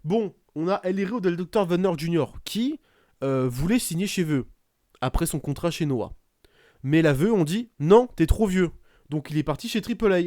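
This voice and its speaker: A man hosting a wrestling podcast in casual chat, sarcastic and animated, with lots of fillers. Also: a little high, normal speed, dry recording, studio quality. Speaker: podcast host.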